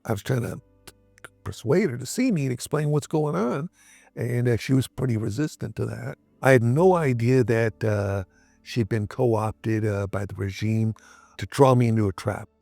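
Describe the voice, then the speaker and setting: A middle-aged man, a guest in an interview, recounting events in a measured way with frequent pauses and fillers. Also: mid-range voice, vocal fry, mellow, no echo, soft background music. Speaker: interview guest, Navy veteran. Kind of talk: interview storytelling.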